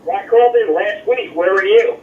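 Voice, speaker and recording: A man from Florida calling in to a sports talk show, talking haltingly and repeating words, heard over a phone line that keeps cutting in and out. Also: high voice, a little hiss or hum. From Florida, USA. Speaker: radio show caller. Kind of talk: casual call-in sports chat. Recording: muffled distant phone line.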